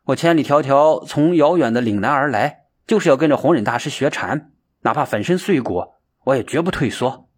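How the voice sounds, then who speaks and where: A man's voice: mid-range voice, animated, fairly quick, slightly rough. A man doing an earnest, humble young temple worker. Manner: earnest, gentle.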